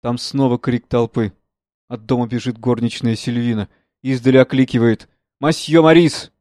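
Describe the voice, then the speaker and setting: A man reading the stage directions of a play in a quiet, subdued delivery. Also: mid-range voice, little pitch movement, normal speed, no echo, clean studio sound. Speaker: reader.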